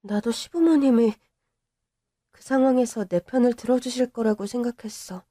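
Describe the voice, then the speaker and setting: A hurt, subdued young wife, played by a woman in a radio-drama story, confiding to her mother in a quiet, resigned telling. Her voice sits high, and the recording is dry and close. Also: steady tone, normal speed, dry recording, natural voice. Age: young adult.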